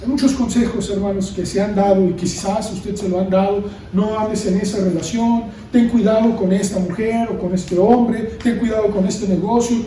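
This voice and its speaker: A man's voice: sits high, fairly even intonation, moderate pace, few pauses, warm tone, very echoey, far from the mic, a little hiss or hum, low-quality recording. A man preaching a sermon, building emphasis and asking rhetorical questions. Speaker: pastor.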